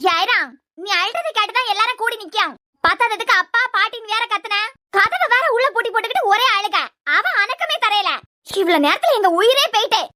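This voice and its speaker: A woman voicing a bossy, suspicious cartoon grandmother with a Kanyakumari Tamil accent, scolding in rapid questions. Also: very high-pitched, animated, bright, forceful tone, full character voice. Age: older.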